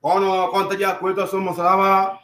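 A man's voice: high voice, monotone, fairly quick, a bit bright. A man interpreting a sermon line by line, echoing each phrase in call and response. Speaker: church interpreter.

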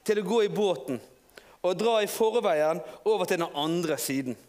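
A man preaching in an informal storytelling way, halting and restarting often. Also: sits high, lively intonation, a little mellow. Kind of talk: sermon.

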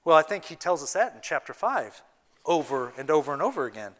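A man giving a sermon as a youth pastor in a church, earnest and preaching, moving between hushed and emphatic delivery. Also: fairly high pitch, very animated, brisk. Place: church sanctuary.

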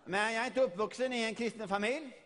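A man's voice: very high voice, a bit bright, long reverb tail. A middle-aged man from Sweden preaching a sermon, retelling a story vividly and often repeating his words.

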